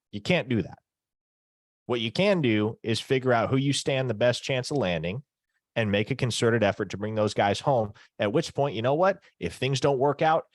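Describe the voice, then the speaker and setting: A man co-hosting a sports podcast, talking in a clear, articulate way and laying out his points steadily. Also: mid-range voice, no room sound, clean studio sound. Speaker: co-host, sports analyst. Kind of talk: casual sports podcast analysis.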